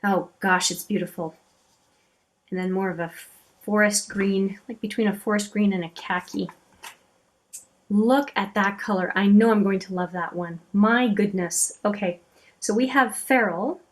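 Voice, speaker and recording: A chatty woman giving casual commentary while she swatches makeup. Her voice sits in a middling pitch, and she gushes over shades before dropping into soft, half-muttered asides. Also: steady tone, unhurried. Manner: chatty, admiring, often trails off into quiet asides. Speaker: beauty channel host.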